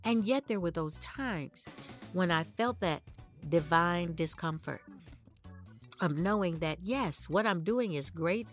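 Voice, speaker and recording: A woman's voice: fairly low pitch, lively intonation, slow, faint music behind. A woman hosting an inspirational ministry podcast, speaking in a conversational, preaching style with rhetorical questions and dramatic emphasis. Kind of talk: motivational sermon-like monologue.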